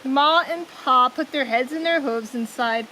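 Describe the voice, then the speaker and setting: High-voiced woman reading a children's story. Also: measured pace, pushed and bright, a little hiss or hum, rough recording.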